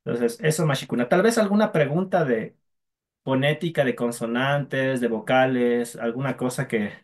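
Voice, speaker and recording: A man's voice: medium pitch, moderate pace. Patient man teaching. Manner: patient, drills sounds for students to repeat. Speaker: Kichwa language teacher. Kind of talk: online language class.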